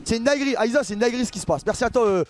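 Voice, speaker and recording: A man with a French accent commenting on a video game pack opening, excitable and shouting at big pulls. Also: very high-pitched, very fast, over music. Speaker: gaming streamer.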